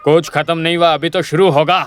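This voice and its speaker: A man's voice: on the high side, steady tone, fairly quick, close to an everyday voice. A man voicing an angry, brawny village wrestler in a Hindi film dub, talking in a threatening, hot-tempered way. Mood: furious. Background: loud film music.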